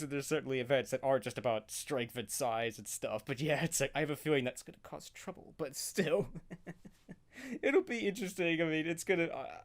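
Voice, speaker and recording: A man reacts off the cuff in a fairly high, lively voice. He is casual, giggly and halting, rambling through his commentary.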